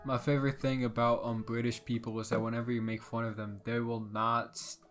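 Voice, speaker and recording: Young man, podcast co-host, crude deadpan riffs, casual chat, faint music bed. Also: mid-range voice, a little fast.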